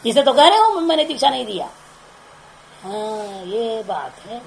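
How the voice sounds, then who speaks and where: Casting: woman, spiritual teacher, higher voice, informal discourse, chatty, laughing, keeps checking in with her listeners. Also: big pitch swings, a little slow, vocal fry, low-quality recording.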